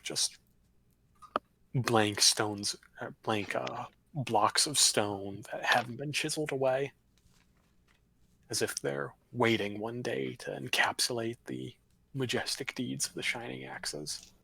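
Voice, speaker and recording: Gravelly-voiced male game master. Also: mid-range voice, measured pace, pushed and bright, poor audio. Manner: casual, rambling narration with fillers. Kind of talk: narrating a tabletop game on a livestream.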